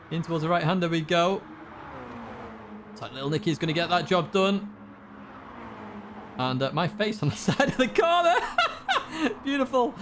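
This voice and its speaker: Male sim-race caster, high and very animated, chatty, faint game noise behind. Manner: excitable, chatty, laughs along. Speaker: race commentator. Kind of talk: live sim racing commentary.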